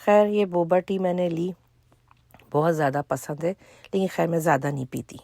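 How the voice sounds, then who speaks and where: A middle-aged woman, chatting casually in a cooking vlog, hoarse for now and full of chatty asides. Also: lowish voice, fairly even intonation, warm tone, no room sound, studio quality. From Pakistan. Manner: chatty, storytelling with asides and quoted dialogue. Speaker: vlogger.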